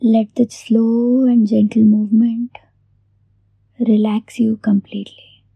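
A woman hosting a guided meditation in a soft, breathy near-whisper, gently giving unhurried instructions with long pauses. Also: a little high, flat delivery, no echo, highs cut off. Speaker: meditation host.

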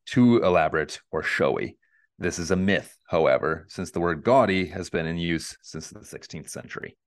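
Podcast co-host, male, 30s, very low voice, easygoing storyteller. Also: lively intonation, normal speed. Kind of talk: casual chat.

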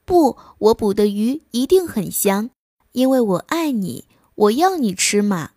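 A woman's voice: on the high side, big pitch swings, measured pace, no echo, studio quality, heavily acted. A woman voicing a playful little duckling in a bedtime story, wheedling and coaxing.

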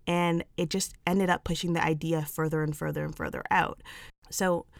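Low-voiced woman hosting a reflective podcast. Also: steady tone, moderate pace, creaky, dry recording. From England. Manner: candid, reflective, chatty with fillers. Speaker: podcast host. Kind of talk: solo podcast monologue.

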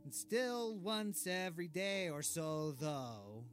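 A man voicing a vain, oblivious, cruel dictator king, reading his diary in a deadpan, pompous, clueless way. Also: on the high side, slow, faint music behind, exaggerated voice. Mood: smug, deadpan. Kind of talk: comedic diary narration.

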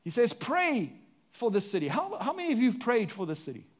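A pastor with a South African accent preaches from the pulpit in a voice that sits high for a man. He talks fairly quickly, his pitch swooping wildly with sweeping rises and drops. He fires rhetorical questions at the congregation and shifts between emphatic lines and hushed, quieter ones.

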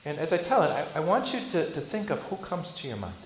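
Male pastor preaching, high-pitched, lots of questions, gets loud then goes quiet, roomy church echo. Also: sing-song, fast talker, a little hiss or hum. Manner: asks rhetorical questions, swings between loud bursts and hushed lines. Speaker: Lutheran pastor. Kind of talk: sermon.

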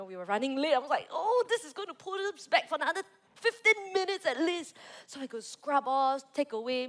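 A young woman pastor preaching to a youth service, telling a personal story with lively, animated delivery. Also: high-pitched. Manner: animated storytelling, acting out her own reactions.

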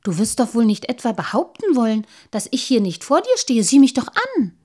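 A woman's voice: a little high, lively intonation, moderate pace, darkish tone, pitched above the performer's own voice. A woman voicing a cheeky little male water sprite, bold and teasing. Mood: insistent. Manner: pert, defiant, teasing.

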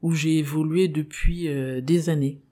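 A woman's voice: low-pitched, fairly even intonation, unhurried, mellow. A young woman, a podcast host of Congolese descent, talking earnestly in a personal monologue with frequent hesitations.

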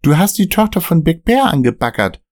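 A man voicing a frantic, high-strung young waiter who swears when scared, in a read-aloud story. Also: sing-song, fairly quick, darkish tone, no echo, clean studio sound. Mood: panicked. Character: panicky young male waiter friend.

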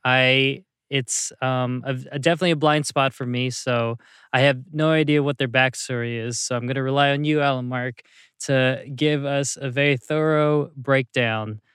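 A man's voice: mid-range voice, steady tone, normal speed, a bit bright, clean tone, no echo, studio quality. A man co-hosting a podcast in casual chat, playful and jokey. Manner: playful, jokey, laughs often. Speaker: podcast co-host.

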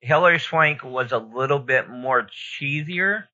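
A man's voice: mid-range voice, a little slow, bright, forceful tone. A man co-hosting a podcast in casual, informal chat, rambling and thinking aloud as he gives his opinions. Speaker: podcast co-host. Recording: dull lo-fi audio.

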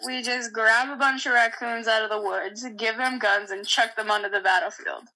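A woman's voice: fairly high pitch, fairly even intonation, normal speed, bright, forceful tone, poor audio. A young woman in casual chat with friends, blunt and slangy in her joking.

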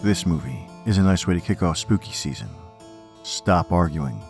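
A man's voice: sits low, lively intonation, fast, vocal fry, darkish tone. A man narrating as a horror host, scripted and playfully macabre, teasing the listener. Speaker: host of a horror storytelling podcast. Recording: music under the voice.

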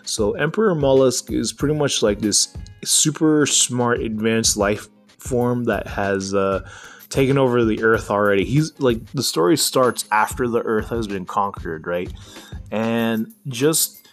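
A man's voice: mid-range voice, measured pace, faint music behind. A man hosting a casual solo podcast about writing, talking in a loose, rambling way with lots of fillers and restarts while he has the hiccups. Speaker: podcast host.

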